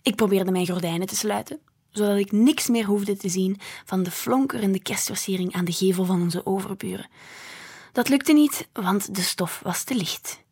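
A woman reading a children's book aloud in a gentle, expressive way. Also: mid-range voice, normal speed, slightly rough. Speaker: storyteller.

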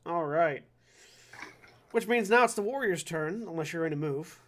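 A man with a slightly high voice runs a tabletop game, casually calling turns and describing hits. Faint noise, clicks and typing sit behind him. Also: expressive, normal speed, fairly bright tone. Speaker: game master.

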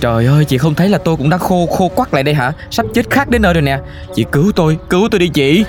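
A man's voice: a little high, expressive, very fast, music in the background, natural voice. A man voicing a thirsty, pleading male traveler in a cartoon, wheedling and dramatic. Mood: begging. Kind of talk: cartoon voice acting.

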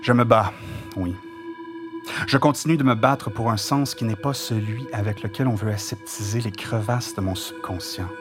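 A man with a Franco-Ontarian French accent performing spoken-word poetry, intense and rhythmic, dropping to whispers and rising to loud declaiming. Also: fairly low pitch, moderate pace. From Ontario, Canada. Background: music.

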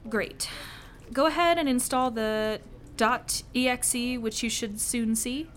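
A hesitant tech-support agent. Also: female voice, fairly high pitch, fairly even intonation, a bit bright, slight background noise. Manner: halting, hesitant, many fillers. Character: weary female tech-support agent, conflicted.

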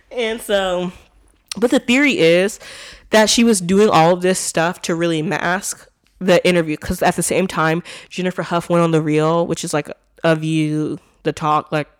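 A woman's voice: lowish voice, steady tone, normal speed, smooth. Woman vlogging, blunt and candid, swears a lot, says like and um constantly. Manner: candid and blunt, frequent swearing, many "like" and "um" fillers; earnest, speaking directly to listeners. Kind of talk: casual commentary monologue.

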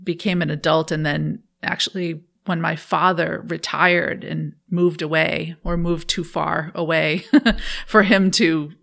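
Slow, gravelly-voiced woman telling a story. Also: sits low, flat delivery. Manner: warm, thoughtful, laughs often. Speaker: guest. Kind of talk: reflective interview storytelling.

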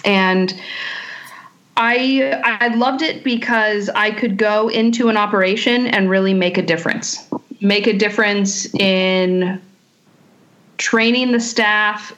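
A Californian sommelier, appearing as a guest, gives casual interview answers in a mid-range, fairly bright voice. She's thoughtful, with lots of fillers and restarts along the way.

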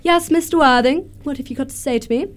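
A woman acts out a confident, romantic young Victorian lady for stage-style radio comedy, gushing with affected emphasis. She speaks fast in a high, natural-sounding voice.

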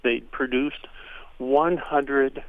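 A man's voice: mid-range voice, steady tone, very slow, no room sound. Joking man on a tinny phone line. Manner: folksy, joking storyteller. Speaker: regular birding guest on a radio show. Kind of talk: casual radio chat.

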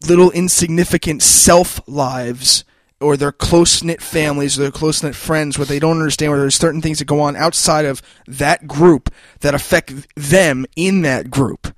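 A man speaks earnestly in casual podcast talk, rambling and restarting as he makes his point. His voice is a bit high, and it sounds close and dry. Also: steady tone, normal speed, hardly any pauses, no echo. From New Jersey. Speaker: podcast co-host. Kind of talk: casual chat.

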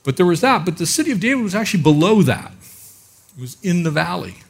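A man's voice: sits high, sing-song, fast, gravelly, breathy edge. A male pastor preaching a sermon into a pulpit microphone, conversational with frequent filler words, calling out for an amen.

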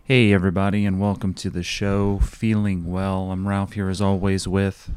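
A man co-hosting a casual comedy podcast, teasing his partner in a profane, deadpan way. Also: low voice, moderate pace, a little hiss or hum. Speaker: podcast co-host.

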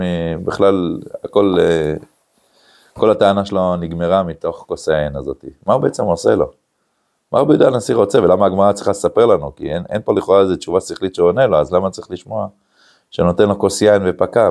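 A man, a rabbi, giving an animated Talmud study lecture, acting out quotes and using many filler sounds. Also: low voice, vocal fry. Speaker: rabbi teaching a class.

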